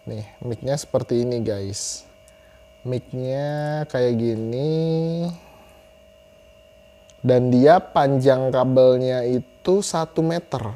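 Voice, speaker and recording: A man's voice: medium pitch, mellow, a little hiss or hum. A young man giving a casual product review to camera, chatty and repeating phrases for emphasis, on a lapel mic indoors. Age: young adult. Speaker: YouTuber reviewing gear. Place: small room indoors. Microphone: clip-on lapel mic.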